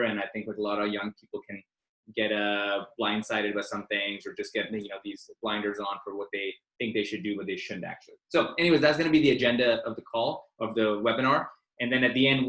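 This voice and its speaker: In a rough, reverberant recording, a man from Pakistan leads a casual, interactive career webinar for students in a lowish, fairly bright voice. He's informal and direct, packs his speech with fillers, and keeps addressing the audience as "you guys."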